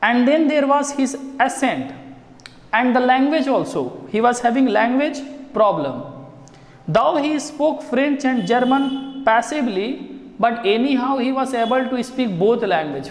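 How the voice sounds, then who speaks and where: A man's voice: extremely high pitch, lively intonation, measured pace. A man with an Indian accent, teaching an English story line by line and asking his students questions. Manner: explains line by line, asks students rhetorical questions. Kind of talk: classroom lesson explaining a story. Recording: echoey room with long reverb.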